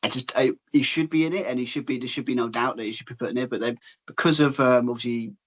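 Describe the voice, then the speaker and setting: A man rattles through his points at a quick clip, his voice sitting in an ordinary middle register. He rambles and hedges, circling back over his own sentences in a relaxed football debate. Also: medium pitch. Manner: rambling, piles up restarts and hedges. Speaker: podcast co-host.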